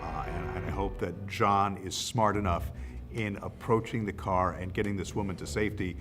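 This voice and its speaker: A male news anchor speaking in a calm, steadying way. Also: low voice, normal speed, over music. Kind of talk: live studio anchoring and interview recollection.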